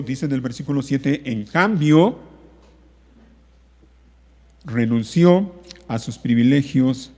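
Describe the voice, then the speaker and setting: A man's voice: mid-range voice, darkish tone, big-room sound. A man preaching a sermon as pastor, speaking with emphatic repetition and drawing out key words. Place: church.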